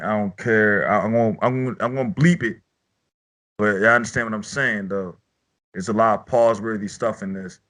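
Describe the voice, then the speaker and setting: Loose-talking man with a low voice. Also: a bit bright. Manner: loose, profane and rambling, repeats himself. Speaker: battle rap reviewer. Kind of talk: casual podcast chat. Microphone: own podcast mic.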